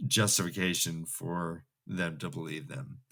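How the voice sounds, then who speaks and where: Deep and gravelly, yet pushed and bright, this man's voice stays fairly even in intonation and unhurried. He's a fantasy book re-read podcast co-host, chatting loosely and imaginatively about the books.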